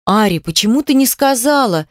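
A woman's voice: a little high, animated, normal speed, no room sound, clean studio sound, pitched above the performer's own voice, natural voice. A woman doing a pushy reproachful mother. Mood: surprised. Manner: reproachful, defensive. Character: middle-aged mother, pushy and indignant, on the phone.

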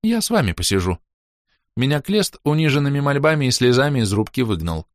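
A man's voice: mid-range voice, very animated, brisk, no echo, pitched above the performer's own voice, lightly acted. A man voicing a tired, dry-spoken noblewoman clan leader in an audiobook. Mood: calm.

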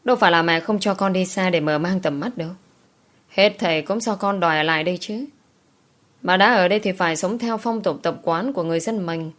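A woman's voice: fairly low pitch, fairly quick, a bit bright, close to an everyday voice. A woman reading as a stern country mother. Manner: firm, scolding.

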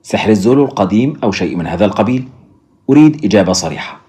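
Earnest young doctor, urgent and pressing, read by a man, low, quick. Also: expressive, mellow, natural voice.

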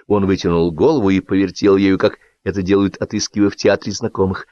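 A man narrating comic fiction in an even, measured reading. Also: low voice, no echo, muffled recording. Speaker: audiobook narrator.

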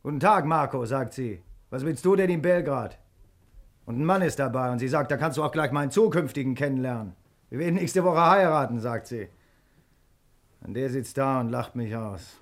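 A man's voice: medium pitch, moderate pace, natural voice. An actor playing an aggrieved, accusing man in a classic radio play. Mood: angry. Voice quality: resentful, accusing. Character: angry aggrieved younger man Marco.

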